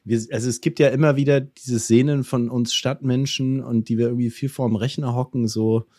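A man in his forties hosting a podcast, asking questions and joking in a relaxed way. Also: medium pitch, brisk, no room sound, studio quality. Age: 40s. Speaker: podcast host. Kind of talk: casual chat.

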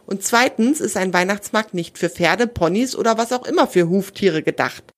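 A woman's voice: medium pitch, moderate pace, lightly acted. A woman reading the part of a young boy in a children's story, speaking in an exasperated, scolding way. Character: young boy, fond of his pony, easily startled.

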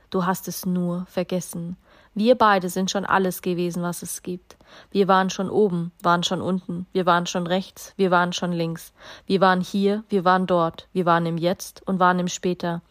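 A tender, loving soul who speaks quietly and low, slipping into a half-whisper, as a woman reading a storybook voices it. The delivery is hushed and kind. The sound is dry and close. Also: dry recording, lightly acted.

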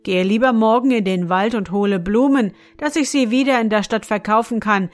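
A woman's voice: medium pitch, normal speed, soft background music, lightly acted. A woman reading a brusque scolding mother. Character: stern poor mother, scolding.

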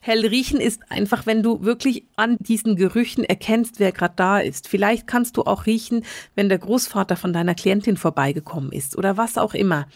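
Woman, middle-aged, podcast host, rapid urgent talk, repeats words, medium pitch, dry close sound. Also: no room sound. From Switzerland, grew up in Bern. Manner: talks very fast and urgently, repeats words for emphasis. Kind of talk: solo podcast teaching.

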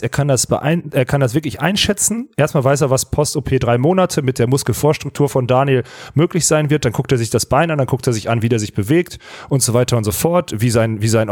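A man's voice: medium pitch, darkish tone, no echo, clean studio sound. A man co-hosting a casual podcast chat, telling a story with enthusiasm, many restarts and fillers. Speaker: podcast co-host.

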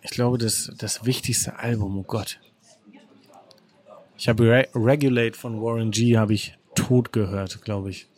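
A man in his thirties, a photographer guest, telling relaxed rambling stories in a casual interview. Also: lowish voice, unhurried. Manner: relaxed, rambling, laid-back anecdotes.

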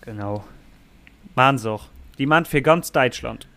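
Ein Mann mit luxemburgischem Akzent, Co-Moderator eines Sportpodcasts, plaudert locker, macht Witze und lacht oft. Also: male voice, mid-range voice, moderate pace, gravelly, fairly bright tone. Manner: joking, laughs often. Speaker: podcast co-host. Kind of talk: casual sports chat.

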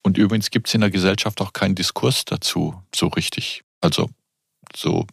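A man's voice: low-pitched, moderate pace, vocal fry, a bit bright, husky, dry recording, clean studio sound. A man in his fifties hosting a podcast, talking reflectively and often searching for words with fillers. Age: 50s. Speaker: podcast host. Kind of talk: reflective conversation.

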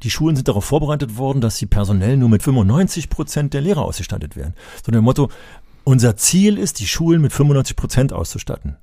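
Co-hosting a podcast discussion, this older Berliner and education advocate argues with passion, turning emphatic and rhetorical when angry. He speaks very animatedly at a quick pace in a medium-pitched, dark-toned voice, recorded dry and clean in a studio.

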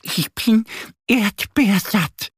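A man doing Annie, a squeaky little duck girl. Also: drawn-out words, husky, dry recording, clean studio sound, full character voice. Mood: cheerful. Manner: squeaky, delighted. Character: little female duck, cheerful and sweet.

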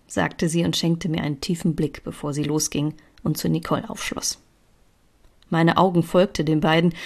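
A woman reading a romance story aloud in an expressive first-person narration. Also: low-pitched. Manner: expressive, voicing characters. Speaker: audiobook reader.

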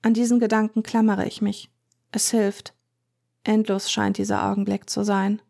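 A woman narrating a first-person story in a measured, tense way. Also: medium pitch, level tone, creaky, warm tone. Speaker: audiobook narrator.

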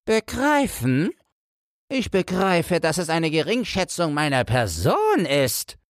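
A man's voice: fairly high pitch, wildly swooping pitch, slow, no echo, clean studio sound, pitched above the performer's own voice, full character voice. A man voicing a pompous, easily offended little male dung beetle in a storybook reading. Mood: indignant.

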